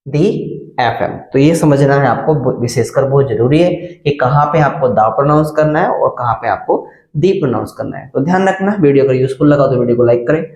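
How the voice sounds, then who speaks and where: A man's voice: mid-range voice, brisk, a little mellow, roomy sound, low-quality recording. A man teaching an English grammar lesson, spelling words out letter by letter and often checking that his students follow. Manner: repeats key words and asks "clear?" often.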